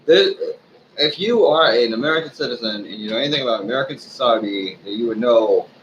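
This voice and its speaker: A drunk man giving a rambling, off-the-cuff rant to his viewers, swearing often, halting and losing his thread. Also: mid-range voice, expressive, fairly bright tone, lo-fi sound, a little hiss or hum. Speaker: online ranter, video host.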